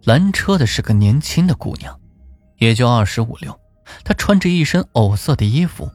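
A male storyteller narrating with an expressive, suspenseful delivery, his pitch rising and falling a lot. His voice sits at a middle pitch, and soft music plays quietly behind him. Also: moderate pace, no echo. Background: faint music.

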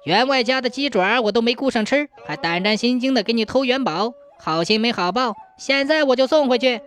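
A woman's voice: on the high side, expressive, a little fast, soft background music, close to an everyday voice. A woman voicing a cunning, hot-tempered male cat in a storybook, talking in a boastful, scolding way. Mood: annoyed.

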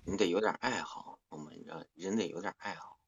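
Male livestream host. Lowish, raspy voice with a lively, swinging delivery on dull, muffled audio. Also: fairly quick. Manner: relaxed, explains things at length with playful asides. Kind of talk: casual livestream chat.

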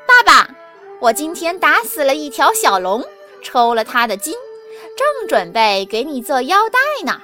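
A woman's voice: sits high, big pitch swings, sharp tone, soft background music, heavily acted. A woman doing a bold little boy hero. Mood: proud. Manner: eager, quick, childlike. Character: brave bold seven-year-old boy hero.

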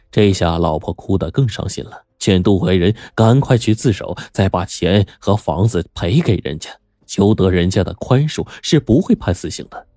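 Low-voiced male storyteller, lively telling. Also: dry recording, clean studio sound. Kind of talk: storytelling narration.

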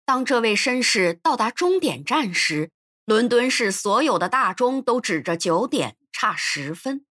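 A woman narrating an episode of a classic adventure novel in an expressive storytelling manner. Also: a little high, unhurried, dry recording, clean studio sound. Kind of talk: scripted narration.

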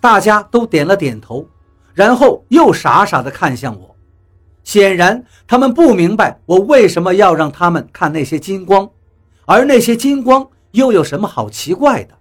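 A man reading a first-person adventure story aloud as narrator, in a lively storytelling manner. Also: high-pitched. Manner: lively storytelling, slows and drops for quoted lines. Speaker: audiobook narrator. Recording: faint background music under the voice.

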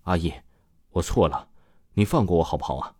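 A man's voice: low voice, sing-song, moderate pace, mellow, slightly rough, no room sound, clean studio sound, exaggerated voice. A man voicing a terrified young man who pleads desperately for his life. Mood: pleading.

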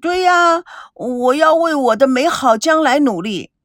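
Woman playing a guilty jealous woman, high whiny voice, stutters a lot, dry sound. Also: expressive, measured pace, a bit bright, dry recording. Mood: whiny, evasive. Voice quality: stammering, whining, pleading. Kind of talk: audiobook character reading.

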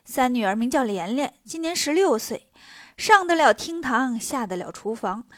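A woman's voice: sits high, lively intonation, moderate pace, fairly bright tone, dry recording, studio quality. A woman voicing a middle-aged rich widow in a storybook, talking in a coaxing, persuasive way.

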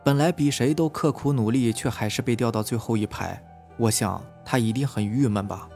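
A man calmly narrating a first-person horror story as a podcast storyteller, with a husky voice. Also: mid-range voice, normal speed. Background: faint eerie background music.

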